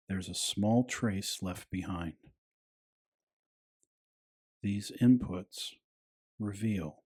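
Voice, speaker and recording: In a soft-spoken ASMR manner, a low-voiced man reads a scripted bedtime narration, his breathy delivery hushed and calming.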